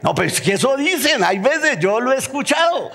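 A Colombian pastor with a high, ringing voice delivers a lively sermon, firing rhetorical questions at his congregation. His words echo through a church sanctuary with a long, lingering reverb. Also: brisk, gravelly, a little hiss or hum.

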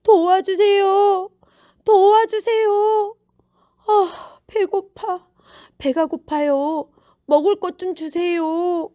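A woman voicing a desperate blind beggar man who cries out and pleads loudly for help. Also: very high voice, fairly even intonation, very slow, dry recording, studio quality, voice pushed up, heavily acted. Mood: pleading. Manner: crying out, pleading, wailing.

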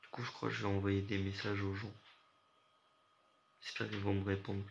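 A young man from France rambles in slang to his stream chat after a sleepless night. His voice sits fairly low and comes through muffled, with a faint hiss behind it. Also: level tone, normal speed, gravelly. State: sleep-deprived. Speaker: gaming streamer chatting with viewers.

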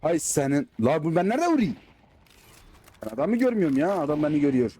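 A man doing casual gameplay commentary, excitable and swearing when the game frustrates him, slipping into dialect when angry. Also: a little high, fast talker, slight background noise. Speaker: gaming YouTuber. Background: faint game gunfire.

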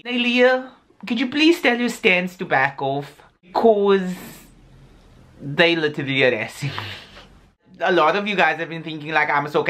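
A man's voice: high voice, bright, forceful tone. A young man from Africa, ranting casually and sassily to his vlog audience, full of "like" fillers. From South Africa. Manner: sassy, rambling, heavy on "like" fillers. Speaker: YouTuber.

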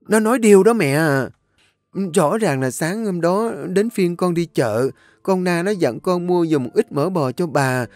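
A man's voice: high voice, animated, unhurried, darkish tone, dry recording, voice pushed up. A man doing a meek, timid young maid. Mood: defensive. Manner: meek, explaining.

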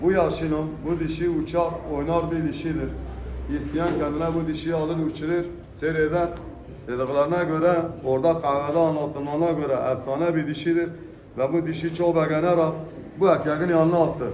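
Male auctioneer, slightly high voice, unscripted and emphatic showcase pitch with repeated phrases, recorded in an echoey room. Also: steady tone, moderate pace. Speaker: pigeon auction presenter. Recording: echoey room with background noise. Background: birds, pigeons.

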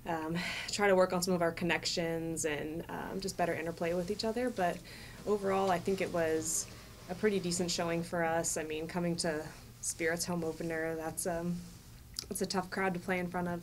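A young woman, a soccer midfielder, giving relaxed answers at a press conference. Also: on the low side, slight background noise. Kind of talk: post-match press answers. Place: press room in front of a sponsor backdrop.

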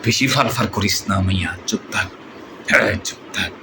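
A man voicing a menacing, swaggering movie villain gang boss with a Bangladeshi accent and drawn-out threatening taunts. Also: low voice, fairly even intonation, vocal fry. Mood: cold threats. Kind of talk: film villain dialogue mimicry. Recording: noisy amateur recording.

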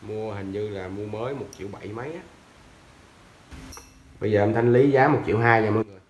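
A young seller of used fishing gear gives loose, chatty sales talk to camera from a tiled floor, reaching for brand names and frequently addressing viewers. The room echoes; his lowish, slightly mellow voice is fast, with highs cut off and a little hiss or hum.

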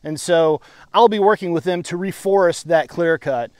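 A middle-aged man working as a forester, explaining outdoors by a creek in a steady, plain-spoken way with occasional fillers. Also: high-pitched, normal speed, clear, resonant tone, no room sound. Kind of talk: on-site educational explanation.

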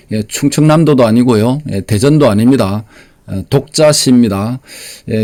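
A male quiz host reads out each question, then explains the answer step by step. His medium-pitched, mellow voice is plain and unpolished, with many short filler sounds in his pauses.

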